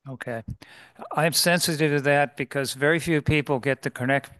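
A man chairing a public board meeting, calling votes in a formal, procedural way with halting pauses. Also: a little high, a bit bright, no echo, studio quality. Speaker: commission chair.

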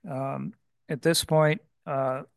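A man chairing a public board meeting, calling votes in a formal, procedural way with halting pauses. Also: on the high side, flat delivery, clear, resonant tone, dry recording. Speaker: commission chair.

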